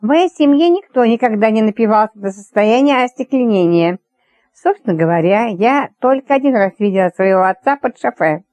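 Woman, audiobook narrator, first-person, wry storytelling, mellow voice, dry close recording. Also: fairly high pitch, expressive, fairly quick, no echo.

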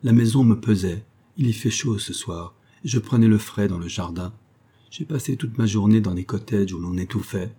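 A man's voice: on the low side, moderate pace, mellow, husky. A man voicing a bitter proud young woman. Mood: weary. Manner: cold, restrained, resentful.

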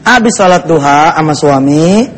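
High-pitched preacher guy, flavor, cracking jokes to the crowd in a mosque. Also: expressive, normal speed. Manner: joking, playful asides to the audience. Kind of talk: dawn sermon.

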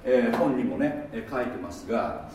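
A man's voice: medium pitch, lively intonation, moderate pace, darkish tone, a little hiss or hum. A man teaching a church gathering in a chatty, casual sermon style with many fillers and asides. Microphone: no microphone, speaking in natural voice. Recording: very echoey room, voice from far off.

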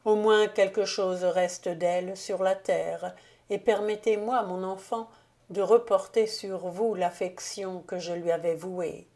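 A woman's voice: medium pitch, fairly even intonation, takes it slowly, mellow. A woman reading the part of a grave, tender man who is a stranger, speaking earnestly.

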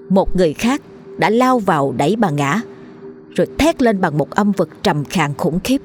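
A woman narrating a horror story in a tense, measured storytelling manner. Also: on the low side, darkish tone, a little hiss or hum. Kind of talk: dramatic audiobook narration. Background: faint music.

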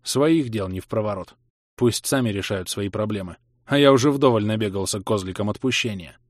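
A man's voice: lowish voice, brisk. A man narrating a first-person audiobook in a dry, wry way.

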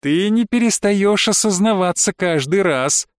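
A man's voice: high-pitched, lively intonation, measured pace, clean tone, no echo, studio quality, pitched above the performer's own voice. Scheming stepmother, honeyed sing-song, played by a male narrator. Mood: mocking. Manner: sing-song, sweetly sneering.

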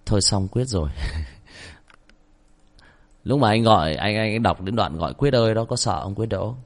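A man narrating a horror story as host, calling out loudly in the tense scenes. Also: fairly low pitch, animated, normal speed. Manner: shouts out names during tense scenes. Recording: soft music behind the voice.

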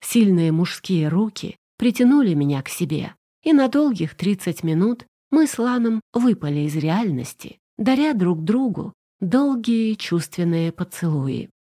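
A woman narrating a romance novel audiobook in an even, storytelling manner. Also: mid-range voice, a little slow, few pauses. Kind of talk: scripted narration.

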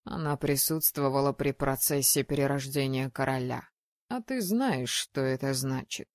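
A woman voicing a young male mage who speaks softly with gentle irony. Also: extremely low pitch, normal speed, dry recording, studio quality, voice pushed down. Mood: calm. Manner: soft, gently ironic.

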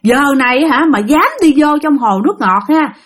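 A woman's voice: high-pitched, lively intonation, moderate pace, voice pushed up. A woman voicing a stern middle-aged male night patrolman who scolds with exasperated exclamations. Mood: scolding.

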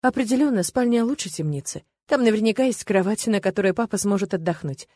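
A woman narrating a first-person audiobook with steady, expressive storytelling. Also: mid-range voice, fast talker, no room sound.

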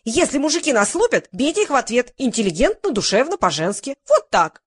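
A woman voicing a big, brash woman from a studio audience who yells and picks fights. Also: high voice, big pitch swings, fairly quick, breathy edge, dry recording, exaggerated voice. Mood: rowdy. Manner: yelling, bossy.

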